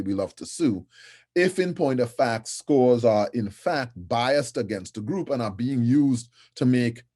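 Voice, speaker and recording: Delivering a conference lecture, a middle-aged Trinidadian man sounds mellow and slightly rough in the mid range. He keeps it conversational, checking in often with "right?" and dropping in "um" during pauses.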